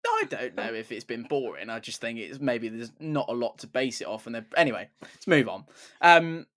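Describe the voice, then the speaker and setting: An English man co-hosting a football podcast, teasing and animated as he tells stories. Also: medium pitch, normal speed. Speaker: podcast co-host. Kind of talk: casual football podcast chat.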